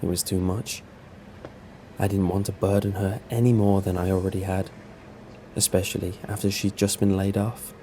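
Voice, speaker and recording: A man narrating a scripted first-person story in a measured, serious way. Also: low voice, flat delivery, dark tone, slight background noise.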